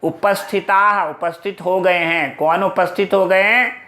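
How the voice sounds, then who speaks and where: A man with a fairly high voice teaches a Sanskrit play at an unhurried pace. He chants each line slowly, then explains it in Hindi, repeating key words and asking his own questions before he answers them. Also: steady tone, pushed and bright. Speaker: Sanskrit lecturer.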